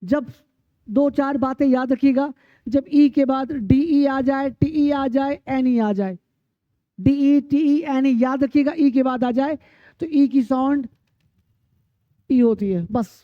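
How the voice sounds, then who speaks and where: A woman with a high voice teaches pronunciation at an unhurried pace, drilling long lists of words and answering her own questions. Her voice is dry and close, with a dull, lo-fi sound. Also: no echo. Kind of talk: classroom-style lesson.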